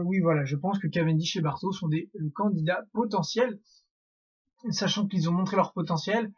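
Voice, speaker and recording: A man's voice: high voice, lo-fi sound. A young man hosting a casual theory monologue, rambling with many fillers and restarts. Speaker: YouTube theory host.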